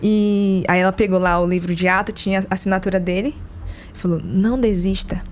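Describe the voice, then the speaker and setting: A woman's voice: mid-range voice, brisk, slight background noise. A woman, a podcast guest telling a personal story in casual conversation and acting out the dialogue. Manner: animated, acts out dialogue in her stories.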